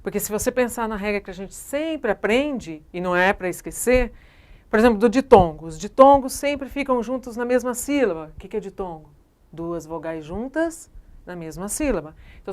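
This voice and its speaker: A woman's voice: mid-range voice, darkish tone. A woman with a Brazilian Portuguese accent, a teacher giving a recorded grammar lesson who explains patiently and keeps checking in with her students through short tag questions.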